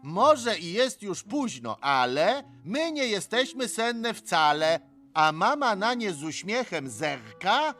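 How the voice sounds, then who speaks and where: Gru, a gruff grumbling supervillain. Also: male voice, high voice, big pitch swings, takes it slowly, bright, forceful tone, faint music behind, heavily acted. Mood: reluctant reading. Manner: gruff, exasperated, sarcastic. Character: grumpy middle-aged male supervillain, gruff and reluctant. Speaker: dubbing actor. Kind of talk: animated film dub acting.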